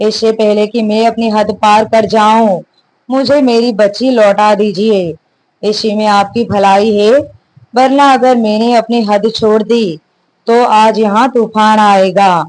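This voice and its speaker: A furious young husband confronts his father, hammering each word in slow, measured, deliberate speech, as the storyteller puts him on. It belongs to a plainly read Hindi-style audio storybook, with the voice pitched at a middling level. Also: steady tone, close to an everyday voice, rough recording. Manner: stern, stresses each word.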